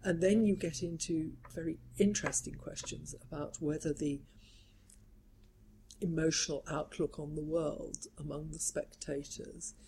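A woman scholar talking in a measured, reflective way, building long careful sentences in an academic discussion. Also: deep voice, gravelly. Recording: faint background noise.

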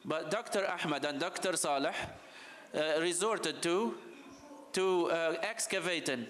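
A man from Libya gives a conference talk with slides, speaking passionately and urgently, halting often with fillers. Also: on the high side, fairly bright tone. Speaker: heritage official presenting.

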